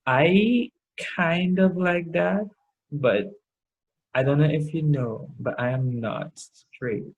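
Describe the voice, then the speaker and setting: A man with a Trinidadian accent chatting casually, a little drunk and halting as he searches for his words. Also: a little high, husky, phone-quality sound. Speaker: guest in a makeup challenge video. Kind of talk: casual chat.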